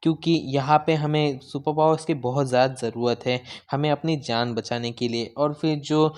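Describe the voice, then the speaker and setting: A man narrates a manga episode in a relaxed recap, pausing now and then to voice what each character says. His voice is smooth and resonant at a middle pitch, recorded close on a home mic. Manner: retells scenes, briefly voicing each character's lines. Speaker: manga explainer.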